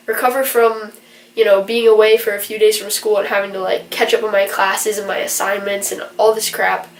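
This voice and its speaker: A fairly high-pitched young woman, a college student and vlogger, speaks far from the mic in a room with echo. Sick with a virus and stuffy-nosed, she earnestly explains things in a rambling, casual vlog packed with fillers.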